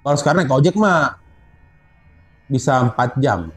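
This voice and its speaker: A man casually telling a true story from a mountain hike, growing animated and high as it gets tense. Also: moderate pace, husky, no room sound, soft background music. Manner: animated, rising pitch when excited, Jakarta slang. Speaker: storyteller guest.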